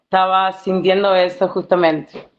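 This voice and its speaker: A woman's voice: medium pitch, little pitch movement, measured pace, background noise. Brazilian woman mixing Spanish and Portuguese, dull audio. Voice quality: Spanish mixed with Portuguese words. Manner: reflective, earnest, searching for words. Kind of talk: personal sharing in a group call.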